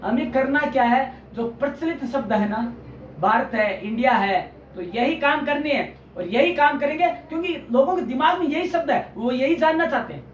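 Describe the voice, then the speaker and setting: A man's voice: extremely high pitch, animated, normal speed. A man teaching journalism in an online lecture, explaining with everyday examples and often calling his listeners friends. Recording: roomy, distant, dull with faint hiss.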